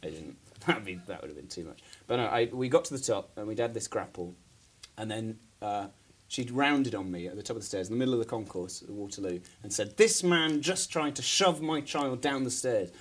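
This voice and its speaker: A man's voice: on the low side, brisk, husky. A man co-hosting a podcast, telling a long story in a rambling, self-deprecating way and laughing often. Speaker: podcast co-host. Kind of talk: casual storytelling chat.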